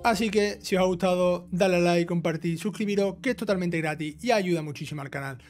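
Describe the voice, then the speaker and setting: A man with an accent from Spain, hosting a video game trophy guide, gives a casual step-by-step walkthrough and frequently closes his phrases with a checking tag. He speaks quickly in a voice that sits high and is a little mellow.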